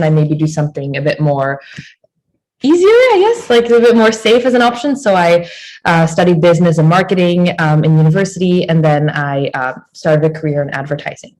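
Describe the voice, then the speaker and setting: A woman with a Belgian accent speaks earnestly and at length, her voice sitting slightly low. She is a guest in a relaxed interview over a video call. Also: low-quality recording. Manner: earnest, long rambling answers. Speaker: guest, new fashion designer. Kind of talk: casual interview chat.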